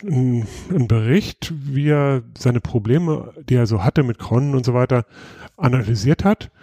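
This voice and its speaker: A man hosting a casual podcast, talking through topics at an easy, explanatory pace. His voice is mellow and warm, recorded close and dry with no room sound. He often hesitates and restarts mid-sentence. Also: mid-range voice, measured pace, dry recording. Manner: relaxed, explanatory, many filler sounds and restarts. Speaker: podcast host.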